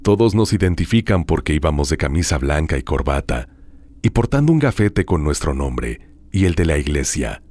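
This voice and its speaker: Deep husky man narrating horror. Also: big pitch swings. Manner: dramatic, hushed storytelling with drawn-out pauses. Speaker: host reading listener horror stories.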